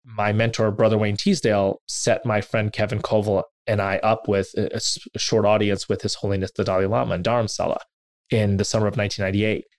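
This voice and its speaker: A man hosting an interview, telling a personal story in an earnest, self-deprecating way, with animated quoted asides. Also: fairly low pitch, fast, no room sound. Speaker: interviewer and podcast host.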